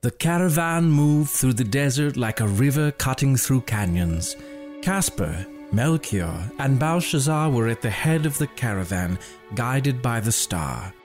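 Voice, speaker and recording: Measured male storyteller over faint music. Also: medium pitch, expressive, darkish tone. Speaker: narrator. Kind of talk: scripted narration.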